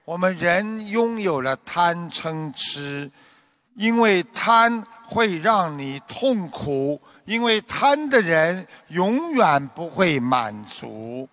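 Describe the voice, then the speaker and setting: A man giving a Buddhist dharma talk as a teacher, with a measured preaching delivery that turns animated while he tells a joke. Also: high-pitched.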